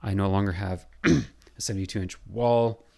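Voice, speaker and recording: With a scratchy, hoarse voice that seems to be giving out, a man presents a software design tutorial. He's a building designer, his voice lowish and his intonation fairly even, and he thinks aloud with frequent pauses and fillers.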